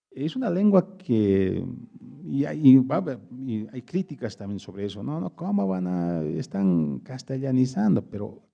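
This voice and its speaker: A man, speaking as the invited speaker at a public talk and answering audience questions, halting and searching for words with many pauses. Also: medium pitch, creaky, dark tone, husky, highs cut off. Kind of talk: explanatory lecture with audience questions.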